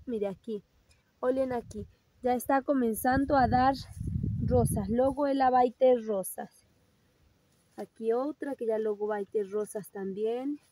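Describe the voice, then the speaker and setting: A young woman with a high, bright-sounding pitch talks to her viewers in an unhurried, easygoing way. She narrates a casual home vlog, explaining things step by step as she films on her phone. Her tone is chatty and direct, as if showing friends around. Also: no echo, poor audio. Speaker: vlogger. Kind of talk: casual show-and-tell narration. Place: rural mountain home, garden and kitchen. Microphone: phone camera held by speaker.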